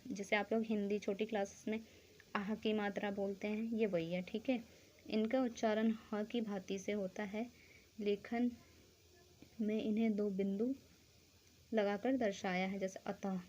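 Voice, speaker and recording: A woman teaching a school grammar lesson. She explains slowly, asks questions and answers them herself, and keeps checking that the class understands. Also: mid-range voice, warm tone. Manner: keeps checking understanding with short tag phrases; spells out sounds and counts slowly.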